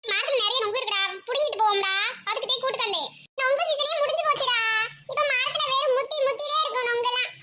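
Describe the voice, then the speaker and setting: A performer voicing bossy, teasing village boys with a Tirunelveli Tamil accent in a high cartoon voice. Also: fairly even intonation, fast talker, heavily acted. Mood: bantering. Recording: loud background noise.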